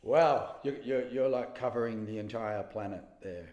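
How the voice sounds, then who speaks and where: A man's voice: lowish voice, moderate pace, darkish tone, lo-fi sound. A man interviewing a guest in casual chat, encouraging and with many short stammered restarts. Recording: echoey room.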